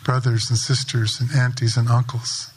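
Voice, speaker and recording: A man leading a sunrise ceremony outdoors, giving a spoken blessing in a slow, measured, invocational way. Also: mid-range voice, little pitch movement, slight background noise. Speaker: ceremony prayer leader.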